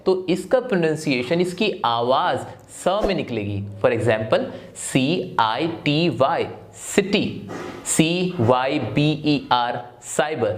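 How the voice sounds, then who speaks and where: A man's voice: fairly high pitch, expressive, slow pace, a little hiss or hum. A man teaches spelling rules in a video lesson. He builds each point step by step and poses rhetorical questions before he answers them.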